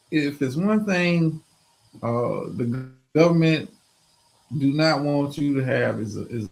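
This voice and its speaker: A man's voice: medium pitch, creaky, rough recording. A man co-hosting a casual live stream from home, giving blunt, profane commentary to his viewers. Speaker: stream co-host.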